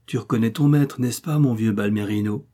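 Man voicing determined young traveler, firm, insistent, warm husky tone, storybook reading. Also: fairly low pitch, moderate pace, lightly acted.

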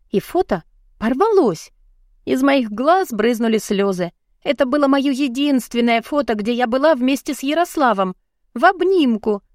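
A woman narrating a first-person audiobook in an expressive storytelling read. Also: a little high, no echo, studio quality.

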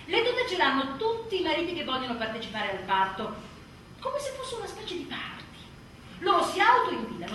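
A woman playing an exhausted, furious new mother in a theatrical monologue, biting and sarcastic, swinging from shouts to hushed tones. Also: a little high, recorded from a distance, a little hiss or hum. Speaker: stage actress. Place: theatre stage. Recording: very echoey stage recording from afar.

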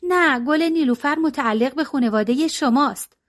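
A woman's voice: sits high, pitched above the performer's own voice, natural voice. A woman voicing an honest young girl who pleads in an audiobook. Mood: pleading.

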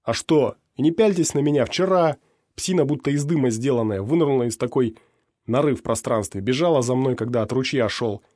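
A man voicing a rattled young male stalker, telling his story excitedly and insistently in an audiobook. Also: mid-range voice, a little fast, dry recording, studio quality, natural voice. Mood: agitated.

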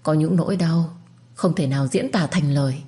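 A woman's voice: deep voice, moderate pace, warm tone, lightly acted. A woman voicing a bitter young husband who speaks coldly and harshly. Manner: cold, harsh.

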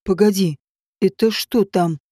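A grim, tense young man speaks low and urgently, slipping into a hoarse whisper, as a woman reader puts him on. The voice sits clearly lower than her narration, mellow and close, with no room sound. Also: a little slow, no room sound.

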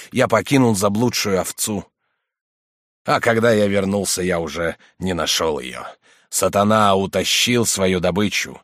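A man's voice: no echo, clean studio sound, lightly acted. A man reading as a pleading guilt-torn monk. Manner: low, broken and pleading. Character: frightened guilt-ridden male monk, pleading.

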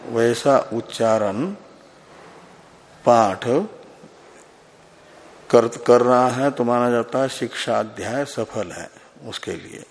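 A male monk gives a scripture discourse at a very slow, unhurried pace, with long pauses between short phrases. His voice sits at an ordinary middle pitch. He explains carefully, posing questions and then answering them himself.

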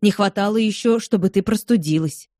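A woman reading the lines of a shy, poor young man in love, speaking slowly and hesitantly, a little lower than her own voice. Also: dark tone, no echo, clean studio sound, lightly acted. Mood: worried. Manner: timid, hesitant, slow.

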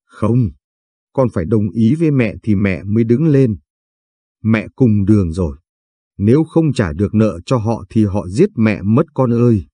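A man's voice: on the low side, expressive, measured pace, dark tone, breathy edge, no echo, studio quality. A man voicing a desperate, indebted middle-aged mother who begs her child through tears. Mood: pleading. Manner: begging, weepy pleading.

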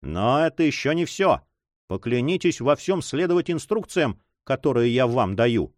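A man's voice: medium pitch, very animated, moderate pace, no echo, close to an everyday voice. A man voicing a secretive young man in love in his own voice, earnest, reassuring and insistent.

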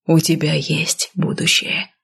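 Woman putting on a low gravelly voice for a doomed stubborn guy, curt and stern, audiobook. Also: monotone, measured pace, fairly bright tone, heavily acted. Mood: grim. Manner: stern, curt, speaking through clenched teeth. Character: grim cursed man, stubborn, bound to death. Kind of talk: audiobook character voice.

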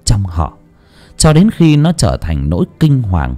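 A man narrating a story in an expressive, dramatic way. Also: lowish voice, a little slow, faint music behind. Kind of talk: scripted audiobook narration.

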